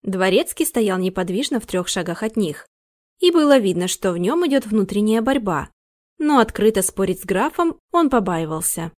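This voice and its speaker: A woman narrating an audiobook in a steady, expressive manner. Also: mid-range voice, normal speed, dry recording, studio quality.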